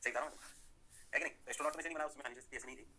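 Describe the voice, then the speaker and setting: An older man teaching physics in a lively lecture, firing rhetorical questions at the class, stretching out key phrases and mixing in English terms. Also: medium pitch, very fast, a little hiss or hum. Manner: mixes in English terms, playful sing-song chants.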